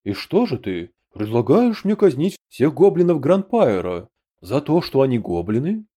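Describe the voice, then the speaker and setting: A calm, stately emperor speaks of himself as "we", as a man reads him in an audiobook. The voice is mellow and low, and his pitch moves freely through each line. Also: moderate pace. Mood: dignified. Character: grand portly human emperor, calm and principled.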